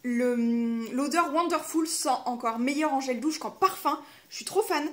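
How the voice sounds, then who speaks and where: A woman with a high voice chats casually while opening advent calendar boxes for her vlog. She fills her talk with little hesitations and corrects herself as she goes. Her tone stays relaxed and friendly throughout. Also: normal speed. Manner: chatty, lots of fillers, self-correcting. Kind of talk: casual unboxing chat.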